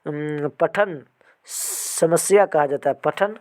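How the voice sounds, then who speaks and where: Repetitive, higher-voiced male teacher. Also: darkish tone, a little hiss or hum. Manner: repeats each term slowly several times. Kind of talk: exam-prep vocabulary lesson.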